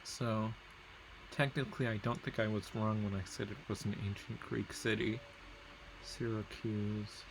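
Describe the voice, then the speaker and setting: A man's voice: on the low side, level tone, a little slow, creaky, noisy background. A man casually commentating a strategy game as he plays, rambling and correcting himself while he reads out place names. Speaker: gameplay commentator. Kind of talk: casual let's-play commentary.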